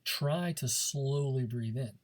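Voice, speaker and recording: Speaking slowly at a medium pitch, a man runs a speech class in a relaxed, coaching way. He keeps checking that people follow his instructions, dropping in "okay" and "right" often.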